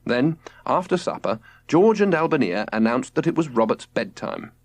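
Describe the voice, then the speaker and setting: A man with a mid-range voice narrates a children's audiobook at a moderate pace, in an expressive, scripted storytelling style. There's no room sound.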